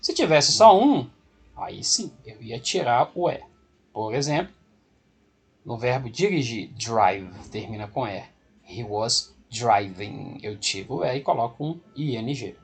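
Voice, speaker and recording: Husky-voiced Brazilian teacher explaining grammar. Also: male voice, medium pitch, expressive, unhurried. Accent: Brazilian Portuguese. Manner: patient, step-by-step explaining, repeating rules. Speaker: English teacher. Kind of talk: video lesson explaining grammar.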